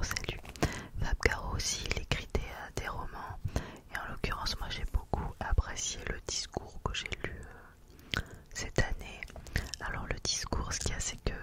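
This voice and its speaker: Woman, soft library whisper, breathy unvoiced delivery, ASMR book chat, informal, hesitant. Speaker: book reviewer, vlog host.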